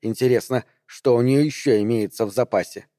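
A man voicing a desperate, sharp-tongued woman, urgent and sardonic, in an audiobook reading. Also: mid-range voice, a little fast, no echo, clean studio sound, natural voice.

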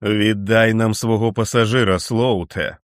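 A man's voice: fairly low pitch, fairly even intonation, smooth, close to an everyday voice. Man doing jeering beast-men. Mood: taunting. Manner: taunting, drawn-out chanting.

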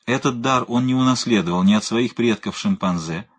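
Audiobook: man voicing a calm male scientist, methodical and lecturing, husky tone. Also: mid-range voice, brisk, natural voice. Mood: explaining. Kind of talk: audiobook reading.

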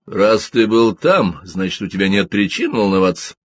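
A man's voice: on the low side, animated, normal speed, slightly rough, dry recording. A man reading an audiobook, voicing a stern male detective with a dry, curt delivery.

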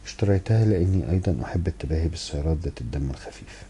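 Deep dark Egyptian male reader. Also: lively intonation, a little hiss or hum, rough recording. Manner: measured storytelling, wry asides. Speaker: audiobook reader. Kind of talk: first-person novel narration.

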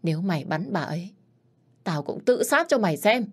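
A woman reading the lines of a fierce middle-aged mother, furious and shouting at her son. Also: fairly low pitch, sing-song, normal speed, breathy edge.

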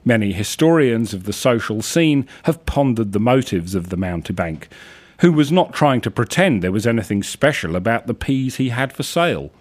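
A man's voice: mid-range voice, animated, moderate pace. A man hosting a radio show, reading his own whimsical stories in a dry, droll manner, with hesitant asides between pieces. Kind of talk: deadpan literary narration and reading.

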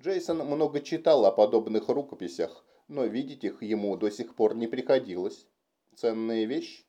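A man reading a novel aloud as an audiobook narrator, in a calm, measured way. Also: medium pitch. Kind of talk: scripted narration.

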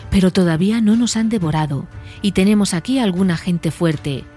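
A woman's voice: medium pitch, moderate pace, dark tone, faint music behind, natural voice. A woman voicing Sam, a humble and plain-spoken male hobbit with a stout heart. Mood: homely.

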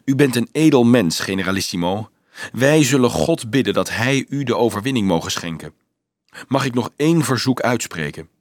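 A man's voice: medium pitch, animated, normal speed, dry recording, clean studio sound, natural voice. A man reading a storybook aloud, voicing a brave teenage boy who pleads earnestly with a raised voice.

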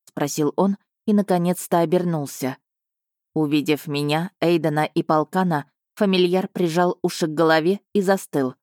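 A woman narrating a fantasy audiobook in the first person, lively and expressive. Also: low voice, moderate pace, dry recording, studio quality. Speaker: audiobook reader.

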